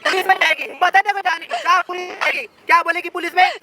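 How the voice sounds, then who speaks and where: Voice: very high-pitched, fairly even intonation, quick pace, background noise. An actor playing a brash young husband who coldly brushes off his wife and keeps asking "right?". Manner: bossy, repeats "ठीक है?" constantly. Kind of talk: family drama skit acting.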